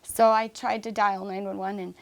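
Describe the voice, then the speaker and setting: A woman guest in a podcast interview telling a personal story in an earnest, measured way, with fillers and many restarts. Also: medium pitch, level tone, gravelly.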